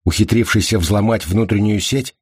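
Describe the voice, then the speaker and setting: A man's voice: on the low side, moderate pace, husky, dry recording, studio quality, pitched above the performer's own voice. A man voicing a blunt, sardonic male mental patient in an audiobook, cold and sarcastic. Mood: probing. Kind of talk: audiobook character voice.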